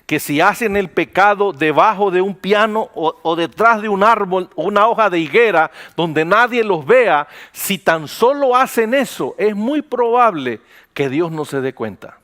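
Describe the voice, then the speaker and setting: A man's voice: sits high, a little slow. A man, a pastor preaching a sermon in a conversational storytelling way and acting out dialogue. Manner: conversational, animated retelling with acted dialogue.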